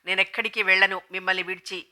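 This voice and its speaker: A woman's voice: medium pitch, level tone, quick pace, bright, forceful tone. A woman voicing a frightened young wife who pleads desperately with her angry husband. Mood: pleading. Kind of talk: audiobook dialogue reading.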